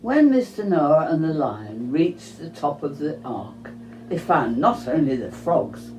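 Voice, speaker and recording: Storybook narrator: mellow, slow delivery, scripted reading, echoey room. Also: mid-range voice, sing-song, a little hiss or hum. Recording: roomy, echoing sound.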